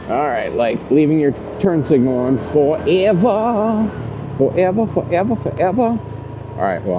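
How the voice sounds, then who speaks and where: Rambling man vlogging on a scooter, loud road noise. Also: mid-range voice. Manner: rambling, thinking aloud while riding a scooter. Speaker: delivery rider hosting his own video channel. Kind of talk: casual vlog chat while working. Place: outdoors on a scooter on streets. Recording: dull audio, loud outdoor road noise.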